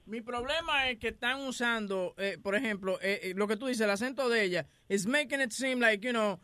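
A man co-hosting a radio debate, animated and switching between Spanish and English. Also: high-pitched, moderate pace, dry recording. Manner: animated, code-switching, laughs at his own points. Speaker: radio co-host.

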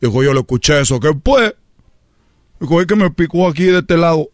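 A man telling a comic story and acting out characters with sudden high shouts. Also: quick pace, no echo, studio quality.

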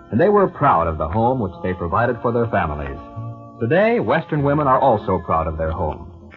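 A man with an American accent reading an advertisement as a 1940s radio announcer. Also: medium pitch. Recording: thin, tinny vintage radio recording.

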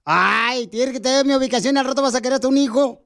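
A radio host, a man with a very high voice, rattling through a prank call quickly. He stammers, teases and plays at being offended. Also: gravelly, fairly bright tone. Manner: stammering, teasing, mock-offended.

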